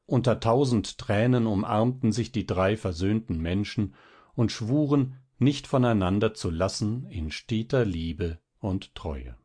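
A man narrating classic fiction in a measured, dramatic storytelling manner. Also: fairly low pitch, mellow. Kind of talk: audiobook reading of classic fiction.

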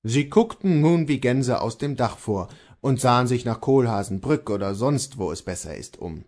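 A man's voice: mid-range voice, expressive, normal speed, a little mellow, lightly acted. A man reading a plain aggrieved stable servant.

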